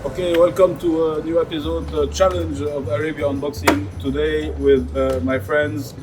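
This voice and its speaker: A man's voice: fairly high pitch, level tone, normal speed, far from the mic. A man with a French accent and French as his native language, casually hosting a challenge vlog in a hesitant, repetitive way. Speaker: host of an unboxing challenge show. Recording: loud music over the voice. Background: loud music.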